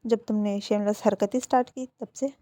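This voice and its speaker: A shy, affectionate young man who gently scolds and coaxes, as a woman reads him. His voice is soft, warm and dark, recorded close and dry. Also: mid-range voice, steady tone, fairly quick, no room sound, close to an everyday voice. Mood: coy.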